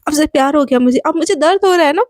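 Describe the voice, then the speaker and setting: A woman voicing a young woman in a love story, hurt and defiant, answering back in quick indignant retorts. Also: sits high, a little mellow, no echo, clean studio sound, natural voice.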